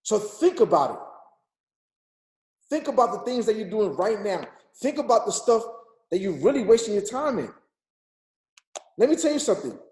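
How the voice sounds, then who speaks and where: A man in his thirties, a motivational speaker, gives an emphatic and repetitive talk on a group call, urging listeners on like a preacher. His high voice is very animated with a darkish tone, moving at a moderate pace with long pauses, and the sound is reverberant.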